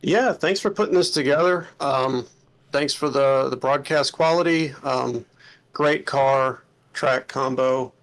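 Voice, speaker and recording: Gravelly male driver, halting answers. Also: mid-range voice, a bit bright. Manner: hesitant, many ums and uhs. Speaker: racing driver. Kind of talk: post-race interview.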